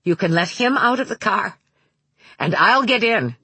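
A woman's voice: medium pitch, expressive, measured pace, sharp tone, slightly rough, no room sound, pitched above the performer's own voice, exaggerated voice. A woman reading a novel aloud, voicing a desperate mother who pleads urgently.

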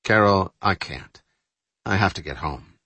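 A man voicing a calm grown man who speaks evenly and reassuringly. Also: low voice, measured pace, no echo, full character voice. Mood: steady. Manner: even, quiet, reassuring.

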